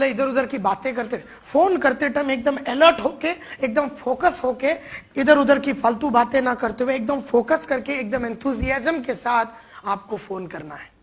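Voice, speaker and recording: A man's voice: very high voice, moderate pace, breathy edge. A man giving an emphatic sales training talk, coaching his listeners. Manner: emphatic, mixes Hindi and English, coaching.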